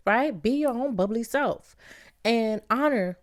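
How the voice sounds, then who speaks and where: A middle-aged woman from Barbados hosting a motivational podcast, talking in a lively, playful way and calling the listener "baby". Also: a little high, measured pace. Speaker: podcast host.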